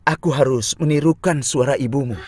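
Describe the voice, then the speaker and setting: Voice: medium pitch, a little fast, lightly acted. Earnest young cartoon prince, voiced by an actor. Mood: gentle.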